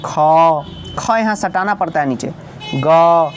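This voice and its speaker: A man's voice: a little high, expressive, slow pace, soft background music. A male teacher explaining grammar step by step, often calling out to his students, repeating himself and correcting his own slips.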